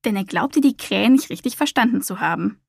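A woman narrating a children's storybook in a calm, expressive reading voice. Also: mid-range voice, brisk, vocal fry, breathy edge, no room sound, clean studio sound.

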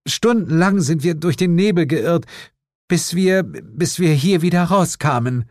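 A sharp-tongued mother snaps back in a raised, lively voice, as a male audiobook narrator puts her on. Her manner is indignant and quick to bite. The sound is dry and close, with no room around it. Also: a little high, no echo, voice pushed up. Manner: snappy, indignant. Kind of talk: audiobook character voice.

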